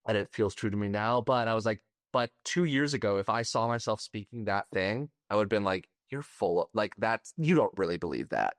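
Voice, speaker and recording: A man with a low voice speaks as a podcast guest. He talks candidly and a little emotionally, often searching for his words. The sound is dry and close. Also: expressive, brisk, few pauses, no echo. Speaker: podcast guest, party coach.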